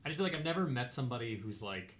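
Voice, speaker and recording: A man's voice: mid-range voice, lively intonation, rapid-fire, fairly bright tone, a little hiss or hum. A man co-hosting a casual tabletop gaming podcast, arguing his points emphatically and acting out players' lines. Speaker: podcast co-host and DM. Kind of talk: casual roundtable chat.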